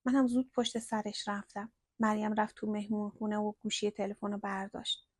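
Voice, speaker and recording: A woman narrating a first-person story in a slow, hushed storytelling manner. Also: medium pitch, level tone, dry recording, studio quality.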